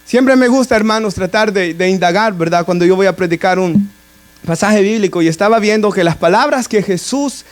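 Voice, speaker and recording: A man's voice: high-pitched, brisk. A man preaching a conversational sermon in a church, often turning to address the congregation as brothers and adding asides.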